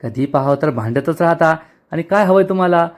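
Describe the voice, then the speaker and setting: A man's voice: fairly high pitch, animated, fairly quick, close to an everyday voice. A man playing a protective young husband. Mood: pleading, scolding. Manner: hushed, pleading.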